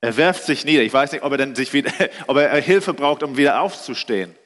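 A man preaching a sermon, retelling a scripture story in an animated, storytelling way with shifting pace and pitch. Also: brisk. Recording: reverberant hall.

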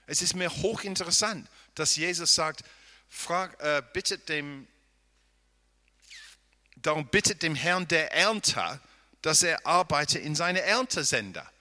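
Slow, very bright-voiced male preacher. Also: on the high side. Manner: asks the audience rhetorical questions, checks in with "ja?"; thinks aloud, with restarts and hedging. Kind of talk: sermon, Bible teaching.

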